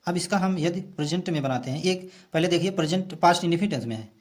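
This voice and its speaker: Hindi-speaking man teaching English grammar. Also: high voice. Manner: explains slowly, repeats each phrase, reads English lines aloud then translates. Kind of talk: bilingual grammar lesson.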